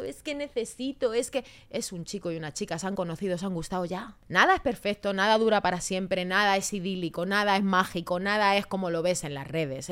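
An expressive woman talks on a podcast. She is emphatic and blunt, with frank swearing, and her voice sits at an ordinary middle pitch. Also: clear, resonant tone. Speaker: guest. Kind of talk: casual podcast chat.

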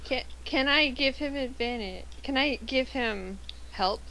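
Gravelly-voiced woman player. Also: high-pitched, a little slow, pushed and bright, slight background noise, rough recording. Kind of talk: tabletop game chat.

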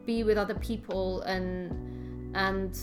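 A woman's voice: medium pitch, steady tone, slow pace, over music. A young woman co-hosting a casual chat, talking bluntly and swearing freely. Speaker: podcast co-host.

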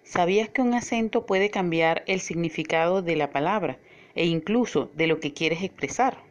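Here a woman teacher gives a scripted lesson out loud, clear and measured, slowing down to put stress on key words. Her pitch is fairly low.

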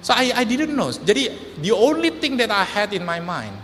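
A male pastor preaching a sermon, telling a personal story, often addressing the congregation and mixing in English phrases, swinging between loud and soft. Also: high voice, sing-song, moderate pace. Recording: hall with long reverb and faint music.

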